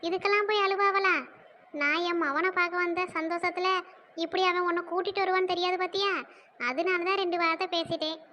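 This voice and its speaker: A woman's voice: very high voice, steady tone, a little fast, pushed and bright, dull audio. A woman voicing a bossy, protective old village mother in a cartoon, speaking in a southern Tamil village dialect. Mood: soothing. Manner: bossy, scolding, then soothing. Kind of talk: cartoon dialogue.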